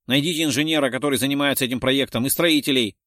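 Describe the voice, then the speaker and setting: A man's voice: medium pitch, racing, a bit bright, dry recording, studio quality, close to an everyday voice. A man voicing an irritable police commissioner who barks orders, in an audiobook reading. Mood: commanding. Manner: barking orders.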